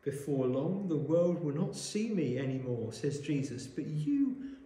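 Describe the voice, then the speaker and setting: A man preaching a sermon, explaining a Bible passage in a measured way and asking rhetorical questions, recorded in a church. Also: on the high side, sing-song, warm tone, slight background noise. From Wales. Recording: echoey church room.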